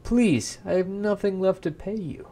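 A man's voice: on the high side, animated, moderate pace, darkish tone, a little hiss or hum. A man doing a pleading young maiden. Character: frightened young miller's daughter.

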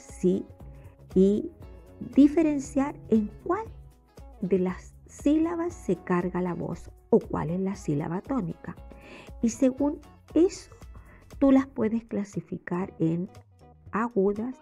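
A Chilean woman teacher narrates a recorded lesson for children, her voice gravelly and a little husky. Her pitch rises and falls in a lively way as she explains each step slowly. Soft music plays faintly underneath. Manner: slow, explanatory classroom delivery. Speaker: primary school teacher. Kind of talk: recorded remote lesson voice-over.

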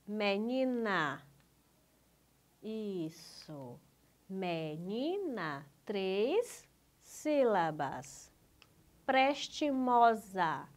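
Slow, patient Brazilian teacher woman. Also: medium pitch, lively intonation. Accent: Brazilian Portuguese. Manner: patient, drawn-out, coaxing. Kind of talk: slow, clear school lesson for young children.

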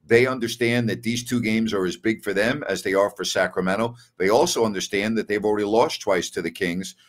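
An older man with a low voice hosts a postgame basketball show from home over a webcam. He talks firmly and opinionatedly, repeating words for emphasis. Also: fairly quick. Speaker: sports talk host.

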